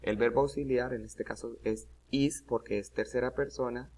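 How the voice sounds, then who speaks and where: A man's voice: medium pitch, steady tone, moderate pace, darkish tone. Patient teacher, man. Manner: patient, explains step by step with frequent "¿listo?" checks. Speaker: English teacher. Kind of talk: recorded grammar lesson.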